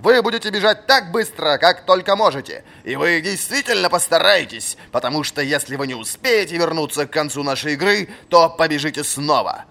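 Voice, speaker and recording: A man reading an audiobook, voicing a gruff old male fencing marshal who barks commands at his pupil. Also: a little high, expressive, brisk, few pauses, voice pushed up, exaggerated voice. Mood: commanding. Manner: barking, shouting commands.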